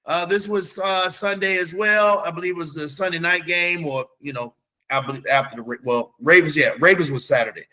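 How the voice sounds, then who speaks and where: A man in casual sports talk, his voice bright and pitched a little high. He is animated and loose with slang as he runs through scores and stats, and he keeps an easy back-and-forth going with his co-host. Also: a little fast. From United States. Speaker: teacher.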